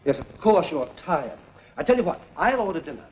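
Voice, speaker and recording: An actor playing a genial, gallant husband trading screwball comedy banter in a 1930s film, with old soundtrack sound. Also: male voice, fairly high pitch, big pitch swings, fairly quick, low-quality recording. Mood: gentle, courteous.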